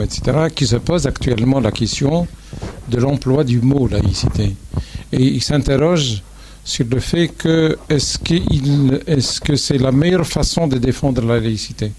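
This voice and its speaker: A man from Tunisia addresses a panel debate in an even, mid-range voice. He talks haltingly, circling back and restarting his sentences. Now and then he drops in a wry aside. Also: mid-range voice, noisy background. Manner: hesitant, many restarts and fillers, wry asides. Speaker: panel speaker. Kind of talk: public debate remarks.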